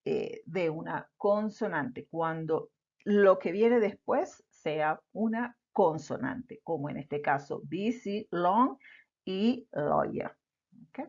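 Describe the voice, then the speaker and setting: A woman's voice: on the low side, lively intonation, takes it slowly, a little mellow. A woman teaching an English lesson patiently, repeating example words and checking in with "all right?". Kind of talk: slow explanatory lesson. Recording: dull lo-fi recording.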